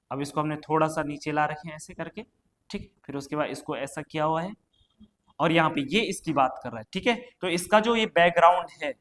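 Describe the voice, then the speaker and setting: A high-voiced man teaching an exam-prep class. He keeps asking the class questions and answering them himself, peppering his lesson with little checks like "right?". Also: fairly bright tone. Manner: questions then answers himself, frequent "ठीक है" and "है ना". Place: coaching classroom or studio.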